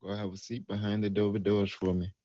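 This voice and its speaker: A man's voice: lowish voice, flat delivery, a little fast. A man acting as a police recruiter in a roleplay game, giving curt, repeated commands. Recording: muffled voice chat with faint noise.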